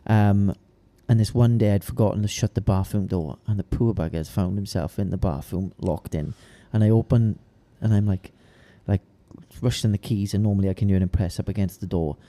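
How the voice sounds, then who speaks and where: Young male, Welsh Valleys accent, dark soft-edged voice, laddish casual podcast chat. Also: on the low side, steady tone, fairly quick, hardly any pauses. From South Wales valleys. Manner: laddish, sweary, colloquial. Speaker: podcast co-host, amateur bodybuilder.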